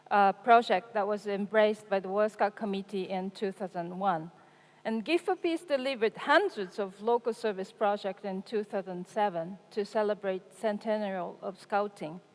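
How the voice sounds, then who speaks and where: Woman moderator, earnest, nervous laughs, hall reverb. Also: mid-range voice. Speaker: panel moderator. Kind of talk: conference panel talk. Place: large conference hall. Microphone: handheld microphone. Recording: echoey conference hall.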